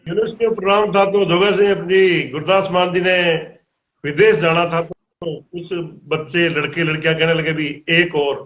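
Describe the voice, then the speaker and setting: Guest, man, high voice, chatty storyteller, echoey room. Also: fairly even intonation, normal speed. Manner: chatty anecdotes, quotes people. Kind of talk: casual chat, telling an anecdote. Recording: echoey, muffled lo-fi audio.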